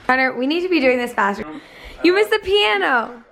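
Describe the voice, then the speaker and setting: A young woman in her twenties hosting a casual travel vlog, bubbly and chatty, talking in quick bursts. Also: high-pitched, very animated, vocal fry, a bit bright. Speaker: travel vlogger host. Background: background music.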